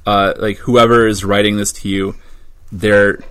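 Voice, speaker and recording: A man narrating as game master in a tabletop game over an online call, relaxed and full of fillers. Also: lowish voice, measured pace, smooth.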